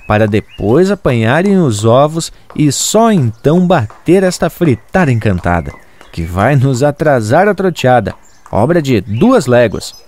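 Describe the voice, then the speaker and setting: A man narrating a regional folk tale in an expressive, rhythmic way. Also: medium pitch. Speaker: storyteller.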